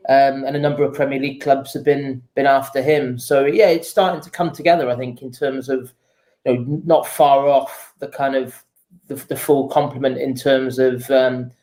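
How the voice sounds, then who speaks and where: A man answering interview questions as a football journalist, explaining things in a measured, conversational way. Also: medium pitch, fairly even intonation, a little mellow. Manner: measured, explanatory, often says "you know". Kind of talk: casual interview answers, informed analysis.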